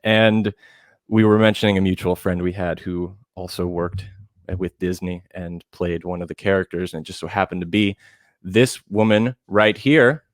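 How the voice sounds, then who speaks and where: Upbeat podcast host, lower-pitched man. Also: normal speed, dry recording, studio quality. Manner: upbeat, chatty and enthusiastic. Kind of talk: casual podcast interview.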